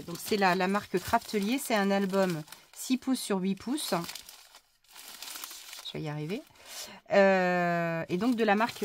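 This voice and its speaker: A woman talking casually through a crafting haul, chatty and hesitant with many fillers and restarts, often dropping into soft asides. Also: mid-range voice, background noise. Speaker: crafting vlogger.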